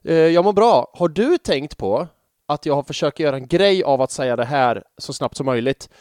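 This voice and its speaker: Slightly high-voiced chatty podcast host man. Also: lively intonation, darkish tone, smooth, no echo, studio quality. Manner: chatty, rambling, self-mocking. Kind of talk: casual chat.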